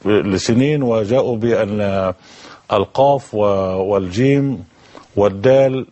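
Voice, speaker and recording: A man, a guest scholar explaining in a lecturing way, often pausing and restarting words. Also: fairly low pitch, dark tone, muffled recording.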